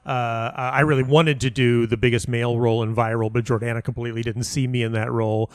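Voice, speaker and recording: In a clean studio recording with no room sound, a man speaks fast at a medium pitch and a level tone. He's a playwright and audio dramatist being interviewed, answering casually and rambling through stories, often interrupting himself.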